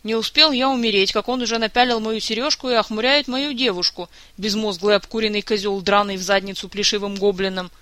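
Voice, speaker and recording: Reader doing hoarse grumpy hurt guy swearing nonstop, bright dry audiobook sound. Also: sits high, brisk, no echo. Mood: furious. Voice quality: slightly hoarse, shouting curses. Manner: ranting, insulting, swearing. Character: furious wounded man, foul-mouthed and grumpy.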